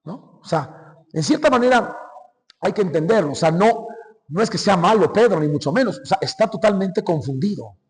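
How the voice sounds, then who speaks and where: Mexican priest preaching in an echoing church. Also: male voice, high-pitched, expressive, normal speed, a little mellow. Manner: conversational, asks the congregation "¿sí?" often; dramatic retelling with shifting volume. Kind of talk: Lenten sermon. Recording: long church reverb. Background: hall reverb.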